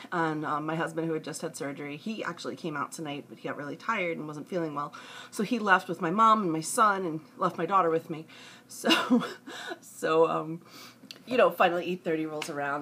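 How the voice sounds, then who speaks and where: A woman's voice: deep voice, slight background noise. A mother telling a personal story casually, often breaking into laughter. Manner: breaks into laughter, giggly and animated.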